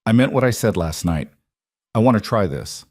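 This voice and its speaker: A man voicing a guarded woman CEO who speaks quietly and earnestly, in a storybook narration. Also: lowish voice, lively intonation, moderate pace, husky, dry recording, studio quality. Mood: tender.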